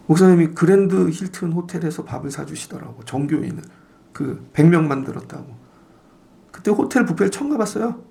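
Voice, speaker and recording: A middle-aged male pastor delivering an early-morning sermon in a slightly high, gravelly voice. He talks in a conversational, storytelling way and slips into the voices of the people he quotes. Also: a little mellow.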